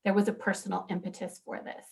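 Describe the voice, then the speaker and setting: A woman in her thirties presenting as a law professor on a conference panel, earnest and animated, with frequent fillers. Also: medium pitch, fast, gravelly.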